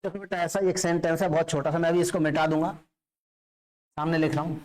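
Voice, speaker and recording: Man, chemistry teacher, classroom lecture, fairly high voice, patient step-by-step explaining. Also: fairly even intonation, fast, darkish tone. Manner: explains step by step, often checking understanding.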